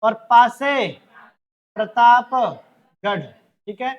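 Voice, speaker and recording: A male teacher with a Rajasthani Hindi accent, giving a loud, emphatic classroom lecture in a classroom and drilling words syllable by syllable. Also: very high-pitched, extremely slow, lo-fi sound. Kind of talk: classroom lecture with memory trick.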